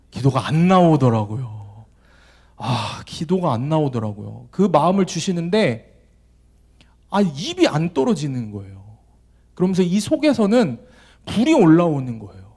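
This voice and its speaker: Male pastor, sermon storyteller, highish voice, lively melody, swings from hush to loud. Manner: emotive, dramatic swings between quiet and loud. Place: church during evening service.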